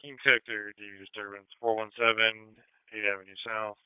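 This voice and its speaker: A man's voice: lowish voice, little pitch movement, moderate pace, smooth, no room sound. A man working as a police dispatcher, reading out calls and addresses in clipped, matter-of-fact codes over a police radio transmission. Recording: narrow-band police scanner audio.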